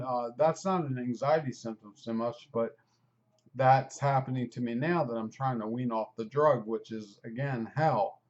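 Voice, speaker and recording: A man in his fifties talking candidly and at length into the camera, rambling at a quick clip. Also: mid-range voice, dull audio. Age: 50s. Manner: candid, rambling, talks fast on purpose. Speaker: vlogger. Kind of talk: personal video talk.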